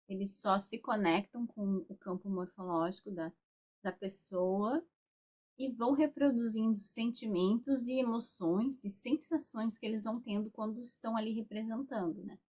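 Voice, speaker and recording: A woman's voice: fairly even intonation, moderate pace, darkish tone. A woman therapist with a Brazilian Portuguese accent recounts a family constellation session, lifting her voice to act out the quoted people. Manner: acts out quoted voices with raised pitch.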